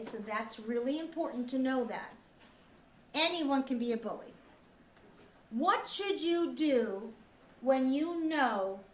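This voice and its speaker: In an echoey room picked up by a distant mic with faint background noise, a teacher with a high voice runs an interactive lesson for children. She's earnest and upbeat, asking questions and repeating what the kids answer.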